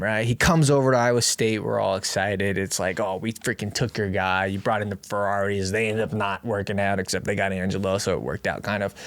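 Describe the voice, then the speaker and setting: A man's voice: medium pitch, no echo. A young man hosting a casual sports podcast, ranting with sarcasm, swearing and repeated rhetorical questions. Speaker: podcast host.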